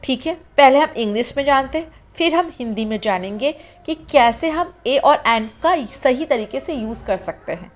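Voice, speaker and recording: A woman teaching an English grammar lesson to beginners, sounding out letters slowly and asking the class questions. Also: sits high, animated. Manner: slow, drawn-out sounding of letters.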